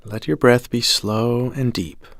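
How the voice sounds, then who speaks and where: A man gently narrating a scripted guided breathing meditation in a calm, measured way, with soft phrase endings. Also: medium pitch, no echo, clean studio sound. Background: music.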